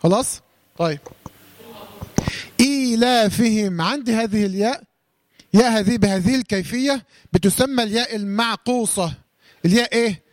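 A man with an Egyptian accent teaching a Quran recitation lesson. He quizzes his listeners, answers his own questions and draws out words slowly to demonstrate them. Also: high voice, no echo. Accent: Egyptian Arabic. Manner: slowly drawn-out recitation demos.

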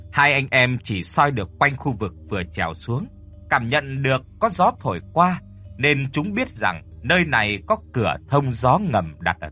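A man's voice: mid-range voice, husky. Man telling a village horror story. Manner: lively storytelling delivery. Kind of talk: scripted horror story narration. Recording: dry close mic with faint music.

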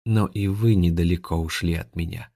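A man voicing the vengeful last alien of its race, speaking through a boy, grim and steady. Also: deep voice, normal speed, vocal fry, dry recording, studio quality.

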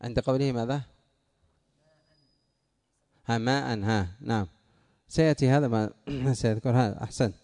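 A man's voice: medium pitch, normal speed, pauses often, warm tone. A man teaching a classroom lesson, explaining rules step by step and quizzing his students with questions. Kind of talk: classroom lesson on Arabic morphology.

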